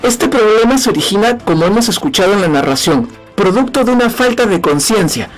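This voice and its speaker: A man's voice: high-pitched, animated, brisk, faint music behind. A young man with a Peruvian accent, a student answering the teacher in an earnest, recited way on an educational radio program. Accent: Peruvian Spanish. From Peru. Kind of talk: scripted educational radio lesson.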